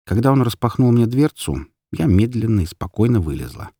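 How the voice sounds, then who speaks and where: A man narrating an audiobook story in an expressive, dramatic way. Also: medium pitch, fairly quick, slightly rough, dry recording, studio quality.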